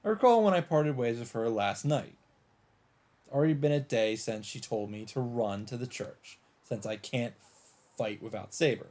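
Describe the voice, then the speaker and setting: As a let's play narrator, a man reads visual novel narration aloud with a measured storytelling delivery. His voice is middle-pitched with a darkish tone.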